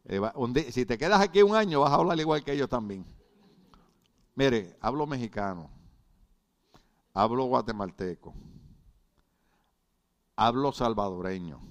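A man from Puerto Rico preaching a sermon, joking with the congregation, repeating words and often asking if they are following. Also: mid-range voice. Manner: jokey, repeats words, often asks "right?".

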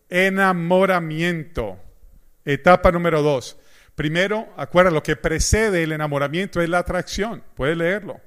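A middle-aged man preaches to his congregation with lively humor, acting out the dialogue of his stories. His voice sits a little high for a man. He moves easily between teaching and storytelling. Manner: animated storyteller, acts out dialogue. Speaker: pastor. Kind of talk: sermon with humor.

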